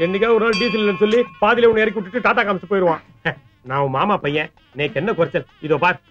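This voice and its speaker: உயர்குரல் நகைச்சுவை இளைஞன். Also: male voice, high voice. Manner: whiny, rambling comic delivery. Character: scheming bumbling young man chasing his cousin. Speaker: comic lead in a film. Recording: dull film soundtrack with loud music.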